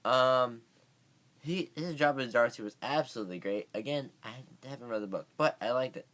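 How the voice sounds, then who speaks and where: A tired man chatting through a casual vlog movie review. He rambles, leans on fillers and restarts himself often. His pitch sits in the ordinary middle for a man. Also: moderate pace, a bit bright.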